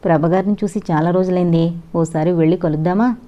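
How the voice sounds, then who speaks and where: Audio-novel mother: soft-spoken middle-aged wife, lowish voice, lo-fi sound, read by the narrator. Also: fairly even intonation, quick pace, close to an everyday voice. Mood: gentle. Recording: dull lo-fi recording.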